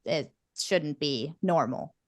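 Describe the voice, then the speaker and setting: A non-profit board member and content creator speaks passionately and animatedly in a podcast interview, acting out what other people say in their voices. Her voice sits low and she takes it slowly, in studio quality with no echo.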